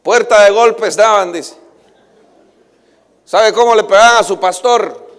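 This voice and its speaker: A male pastor, preaching a sermon that swings between loud calls and soft asides. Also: high voice, measured pace. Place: church hall. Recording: livestream with long hall reverb.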